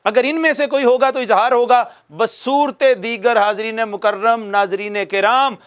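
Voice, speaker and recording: A man teaching Quran recitation rules on television, explaining patiently, quizzing viewers and reciting words slowly for them to repeat. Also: very high voice, steady tone, fairly bright tone, clear, resonant tone. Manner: asks the audience questions and answers them himself. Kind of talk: televised tajweed lesson.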